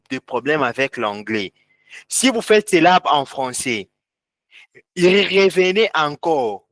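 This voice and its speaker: A man's voice: a little high, fairly bright tone, dry recording, clean studio sound. A man teaching a live online class, guiding students step by step through on-screen settings and repeating key words. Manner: repetitive, step-by-step pointing at screen. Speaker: instructor.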